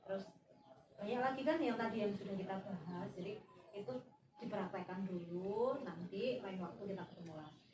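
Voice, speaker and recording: A woman's voice: mid-range voice, a little fast. Patient woman counselor, echoey room. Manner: patient, explaining step by step with examples. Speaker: school counselor. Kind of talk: acted counseling role-play. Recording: echoey room, far mic, noisy.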